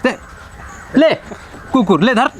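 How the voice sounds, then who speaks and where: A woman with a Bhojpuri accent plays a mother-in-law who scolds and coaxes by turns. Her voice is fairly high, with faint outdoor noise behind it. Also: lively intonation, slow. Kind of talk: scripted village comedy skit.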